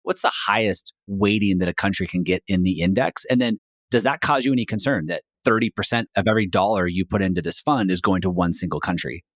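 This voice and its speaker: A man hosting a podcast, asking measured, probing questions of his guest. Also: deep voice, no echo, clean studio sound. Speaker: podcast host. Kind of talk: interviewing a guest.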